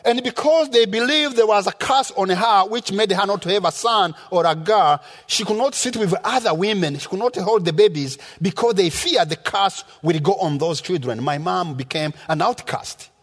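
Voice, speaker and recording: The voice sits high and slightly rough, moving at a moderate pace with hardly any pauses. It's a man from rural Rwanda with a Rwandan accent, a guest preacher whose sermon includes personal testimony, taught emphatically with heavy repetition in a reverberant hall.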